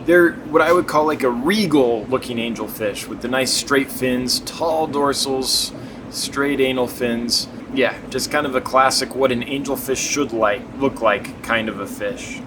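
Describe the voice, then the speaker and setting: A man's voice: medium pitch, a little slow. A man giving a casual, enthusiastic, unscripted tour of the stock in an indoor fish warehouse as the seller. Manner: enthusiastic, chatty. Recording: clear background noise, humming ventilation.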